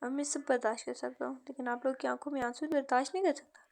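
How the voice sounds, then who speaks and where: Casting: woman doing a loving, quick-tempered young brother in an audiobook, high pitch, her own voice. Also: steady tone, creaky, a little mellow. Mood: tender. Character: protective young man, gentle brother and son.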